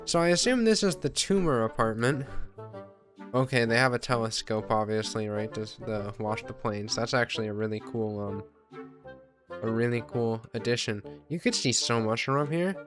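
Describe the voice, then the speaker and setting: A male gaming video host with a mid-range voice talks at a normal speed over gameplay. He's casual and self-deprecating, rambling along with mild swearing while faint music plays behind him.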